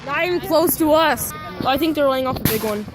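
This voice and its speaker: Woman, high voice, casual excited chatter, whooping, outdoors at night, handheld phone audio, loud firework blasts. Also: brisk, noisy background. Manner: excitable, whooping and shouting at bursts. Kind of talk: casual chat while filming fireworks. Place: outdoors during a fireworks display.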